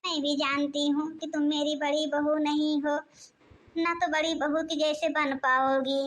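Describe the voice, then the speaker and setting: A woman's voice: sits high, level tone, measured pace, fairly bright tone. A woman voicing a fussy, scheming old mother-in-law in a cartoon, complaining and nagging about food and her daughters-in-law. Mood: grumbling. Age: older. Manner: complaining, nagging, muttering plots to herself. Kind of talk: cartoon voice acting.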